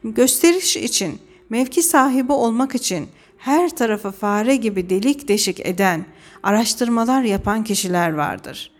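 A woman presenting a religious lesson on a classic poem, explaining in a measured, earnest way from a script. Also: a little high, animated.

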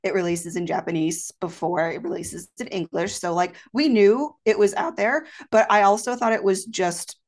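A woman's voice: mid-range voice, normal speed, hardly any pauses. A woman co-hosting a podcast in casual chat, blunt and emphatic with free swearing, with a slightly echoey sound from recording in an office. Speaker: podcast co-host. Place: home office standing in for a recording studio. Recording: slightly echoey untreated room.

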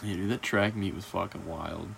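A man's voice: sits low, fairly even intonation, moderate pace, vocal fry, a little hiss or hum. A teenage boy chatting casually, telling stories full of swearing, laughter and quoted teachers. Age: teens. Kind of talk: casual chat.

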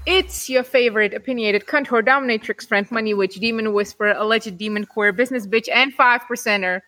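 A woman's voice: a little high, brisk, pushed and bright, a little hiss or hum. A woman hosting a podcast in casual, informal and blunt English. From Czech Republic. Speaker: podcast host.

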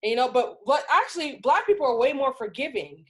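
A woman's voice: sits high, lively intonation, fast, husky. A woman co-hosting a podcast in casual chat. She talks in a heated, emphatic way with frequent restarts. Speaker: podcast co-host.

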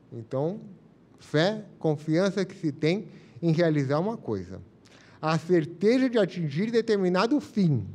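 A man with a rather high voice and a dark tone delivers a live spiritist lecture. It's a religious talk, and he reflects as he goes, explaining his points through first-person examples.

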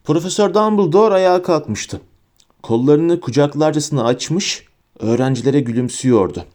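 A man narrating a fantasy audiobook in an expressive storytelling manner. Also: on the high side, normal speed. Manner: expressive storytelling with character voices. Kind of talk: scripted narration.

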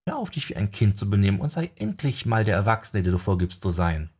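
Man doing a sharp young woman necromancer, scolding, husky, lively pitch, audiobook. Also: fast, heavily acted. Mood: brisk.

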